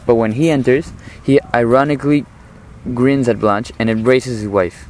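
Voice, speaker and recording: A teenage high school student giving an earnest, formal oral commentary on a literary passage. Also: male voice, steady tone, normal speed, a little mellow, slight background noise, poor audio. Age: teens.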